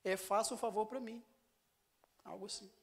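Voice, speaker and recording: A man's voice: high voice, steady tone, moderate pace, creaky. A man with a Brazilian Portuguese accent giving a teaching sermon in a church, talking in a conversational way and explaining with examples and questions to the congregation. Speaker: preacher.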